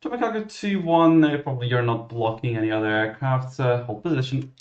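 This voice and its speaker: A man working as a ground controller, giving clearances and commentary in a halting, self-correcting way. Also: mid-range voice. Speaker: virtual air traffic ground controller. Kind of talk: radio clearances and explanatory commentary. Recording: muffled, roomy microphone sound.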